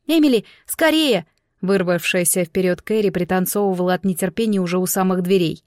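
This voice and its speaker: A woman narrating a fantasy novel in the first person, with expressive storytelling. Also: medium pitch, no echo, studio quality. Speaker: audiobook narrator.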